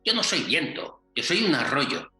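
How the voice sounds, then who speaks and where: A young, naive stream, as a man voices it in a storytelling session, crying out in a shrill, sharp voice that climbs far above his own. The cries sound bright and forceful. They echo through a roomy space over faint music. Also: wildly swooping pitch, measured pace, heavily acted. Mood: stubborn. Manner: high frantic cries.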